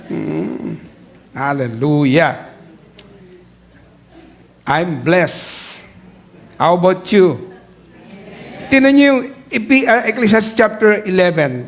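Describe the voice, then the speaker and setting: Man, middle-aged pastor, high gravelly voice, animated sermon. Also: slow pace, pauses often. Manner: mixes in English phrases, animated, laughs while preaching.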